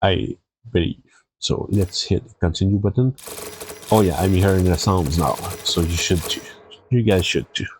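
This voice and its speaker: A man's voice: low-pitched, normal speed, darkish tone, a little hiss or hum. A tired, congested man chatting casually as a live-stream host, rambling easygoing with fillers and restarts. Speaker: Twitch streamer.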